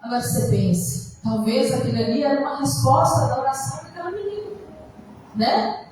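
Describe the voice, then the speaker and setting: A woman's voice: sits high, brisk, darkish tone. A woman pastor with a Brazilian accent preaching a sermon, telling personal stories in a conversational way. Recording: very echoey church hall from far off with faint music.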